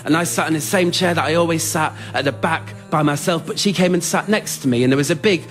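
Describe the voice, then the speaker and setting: With soft background music behind him, a writer-performer storyteller delivers a scripted comic monologue for radio to a theatre audience. His fairly high, slightly bright voice moves at a quick pace, and his tone is earnest, understated and self-deprecating.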